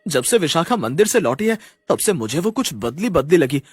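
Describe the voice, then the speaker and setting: Young husband voiced by a man, husky, lively pitch, earnest, cartoon story. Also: normal speed, dry recording, studio quality, faint music behind. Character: young husband, worried but firm.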